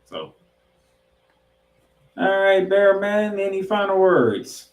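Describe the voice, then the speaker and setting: Animated and high-voiced, a man speaks at a slow pace while co-hosting a sports podcast. His game-preview banter is emphatic, full of questions and phrases repeated for effect, all captured with a roomy echo.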